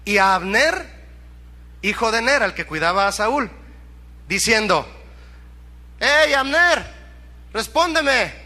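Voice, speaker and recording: A man's voice: high voice, animated, measured pace, pauses often, sharp tone, long reverb tail. A man preaching a sermon who reads scripture aloud, acts out the characters' lines and has the congregation repeat his words. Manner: asks the congregation to repeat after him.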